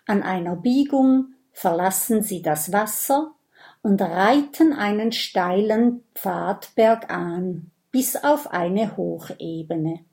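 A woman narrating a children's audiobook in a calm storytelling manner. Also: medium pitch, takes it slowly, vocal fry.

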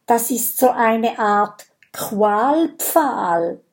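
A woman voicing a thoughtful young male hero who explains things calmly. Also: a little high, very slow, exaggerated voice. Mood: explaining.

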